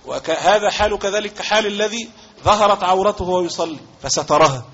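A man with an Egyptian accent gives a classroom-style religious lesson in a fairly high voice. He reads lines from a legal text and then unpacks them, repeating phrases and offering examples. The recording sounds dull and lo-fi. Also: brisk, a bit bright. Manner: reads a passage aloud, then explains it with repetition and examples. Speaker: religious teacher.

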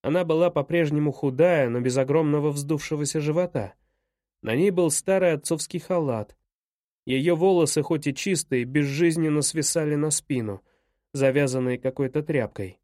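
A man narrating a first-person audiobook in a measured, even way. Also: fairly high pitch, no echo, studio quality.

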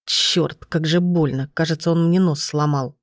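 A woman's voice: sits low, steady tone, measured pace, no echo, studio quality. A woman reader voicing a greedy, threatening grown man, the heroine's brother, speaking harshly. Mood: pained snapping.

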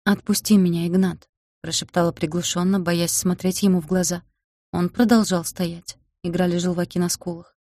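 A woman's voice: on the low side, level tone, normal speed, dark tone, no echo, clean studio sound. A woman voicing a frightened young woman in a storybook, pleading in a trembling way.

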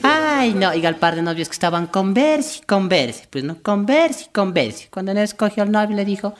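A woman's voice: medium pitch, sing-song, moderate pace. A woman from Nariño, Colombia, with a Nariño Colombian accent, telling folksy jokes in a chatty way, with a constant "le dijo". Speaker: joke teller.

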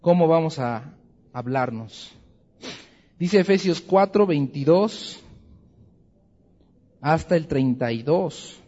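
Man teaching a lively Bible class. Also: fairly high pitch, takes it slowly, long pauses. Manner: humorous, lively, acts out scenes. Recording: dull lo-fi recording in a reverberant hall.

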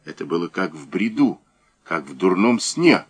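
A man narrating a crime novel audiobook in a measured, dramatic way. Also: deep voice, sing-song, husky.

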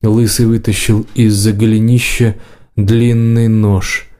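A man narrating a fantasy audiobook in a measured, unhurried reading. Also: fairly low pitch, flat delivery, warm tone.

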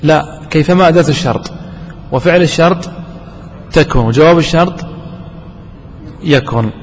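A man teaching a classroom grammar lesson, quizzing his students and repeating examples slowly. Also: a little high. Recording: long hall reverb, faint background noise.

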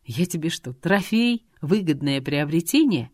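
A woman's voice: sits low, big pitch swings, measured pace, darkish tone, no room sound, heavily acted. A woman voicing a stern middle-aged businessman who speaks in a cold, clipped, growling way.

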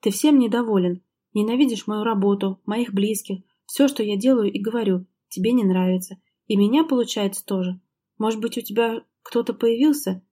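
A heated, jealous young wife snaps out accusations, her voice climbing and sharpening as she presses her husband, voiced by a woman reading an audiobook. The tone stays mellow and warm underneath, even at full volume. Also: mid-range voice, fairly quick, slightly rough, close to an everyday voice. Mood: pleading. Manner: reproachful, sharp, raised voice.

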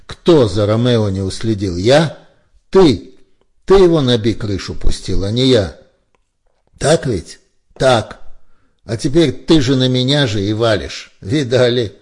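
A man's voice: mid-range voice, expressive, measured pace, darkish tone, voice pushed up. A man voicing a hysterical young man who screams accusations. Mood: shrill, accusing. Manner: shrieking, sobbing accusations.

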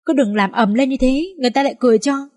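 A woman voicing a young student daughter who calmly pleads with her parents. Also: high-pitched, fast talker, voice pushed up, natural voice. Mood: pleading reasoning. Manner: gentle, reasoning.

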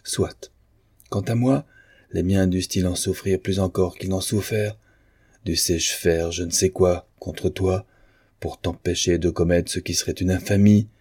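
A man's voice: low-pitched, steady tone, unhurried, mellow, breathy edge, no room sound, clean studio sound, heavily acted. A man voicing an earnest, principled man in an audiobook of a novel, pleading and stern.

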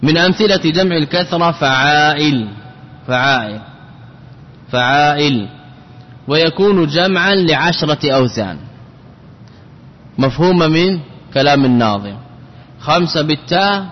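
A man's voice: fairly high pitch, expressive, dull audio. Man teaching grammar in an echoey hall. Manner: repeats forms slowly, checks students with questions. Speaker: sheikh teaching Arabic grammar. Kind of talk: classroom grammar lesson.

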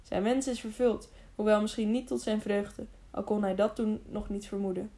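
A woman's voice: mid-range voice, steady tone, moderate pace, mellow, lightly acted. A woman reading as a grave old hermit. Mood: solemn. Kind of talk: audiobook reading.

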